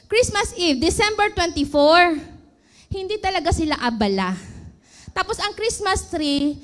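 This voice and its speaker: A woman's voice: very high voice, animated, unhurried. A woman from the Philippines in her thirties, telling her story of working abroad and asking her audience questions. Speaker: former overseas worker. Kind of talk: emotional personal testimony.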